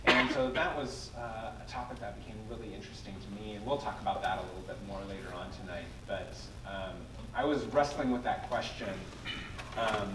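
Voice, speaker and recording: A man with a lowish voice speaks earnestly at a public panel. He is picked up from a distance in an echoey hall, with a clear background hiss behind him. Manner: earnest, measured, fillers.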